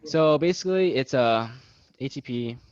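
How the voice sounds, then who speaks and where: This student tutor speaks at a normal speed with a medium-pitched, clear and resonant voice and lively intonation, with no echo. Joking and self-deprecating, he explains material to classmates in a casual study session, though the video call audio sounds dull and lo-fi.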